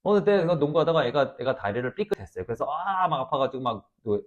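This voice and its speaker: Animated male preacher with lively pitch. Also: fast, lo-fi sound. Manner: animated storytelling, swinging between loud exclamations and low asides. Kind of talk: revival sermon.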